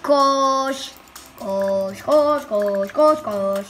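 A woman giving casual let's-play commentary, excitably chanting quick repeated commands at the game. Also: fairly high pitch, soft background music. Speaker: gameplay video host.

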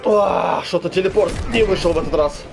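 A man with a somewhat high voice does casual gameplay commentary. His talk is colloquial and off the cuff, and game sounds are clearly audible behind him. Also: a little fast, background noise. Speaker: gaming video commentator.

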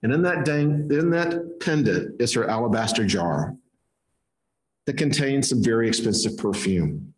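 A male pastor preaching a sermon in a church, telling the story in an animated way and acting out gestures. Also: medium pitch, a little slow, roomy sound.

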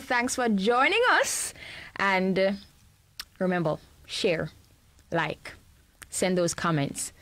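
A woman's voice: medium pitch, no room sound. Jamaican woman hosting a radio interview. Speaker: host. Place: small radio studio, indoors. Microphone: studio microphone on a boom arm.

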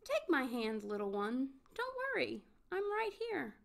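A woman voicing a gentle, encouraging mother character in a children's storybook. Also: high-pitched, wildly swooping pitch, a little slow, vocal fry, heavily acted. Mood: gentle, reassuring. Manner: soothing, encouraging, tender. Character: gentle, reassuring storybook mother of a little one.

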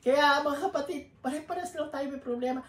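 A woman's voice: high-pitched, a little fast. A woman preacher giving a sermon, telling a joking story to her congregation in a chatty, storytelling way. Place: church. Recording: roomy echo.

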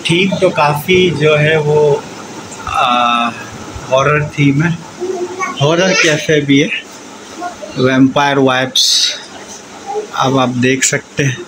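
A man's voice: on the high side, slow, pauses often, background noise. A man in his thirties narrating a casual family vlog from a restaurant and cafe, chatting to viewers and coaxing a child along. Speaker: vlogger. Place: restaurant and themed cafe, partly outdoors.

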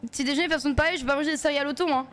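Rapid-fire and high-voiced, with a slightly bright sound, a woman streams a game while chatting loosely and slangily with her viewers.

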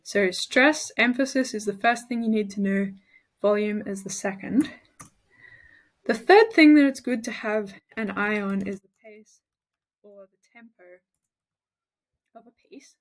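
A woman from Australia working as a tutor, giving an explanatory study-tips lesson in a clear, methodical way and showing emphasis with her own voice. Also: mid-range voice, measured pace.

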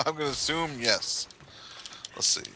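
A man's voice: a little high, slow, sharp tone, a little hiss or hum. A man co-hosting a let's play, chatting casually and laughing often as he plays. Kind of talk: casual gameplay chat.

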